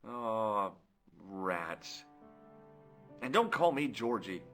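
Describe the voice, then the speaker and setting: A man's voice: lowish voice, sing-song, drawn-out words, a bit bright, soft background music, exaggerated voice. An actor playing a wry adult male amateur sleuth in a video game, speaking in a dry, sardonic way.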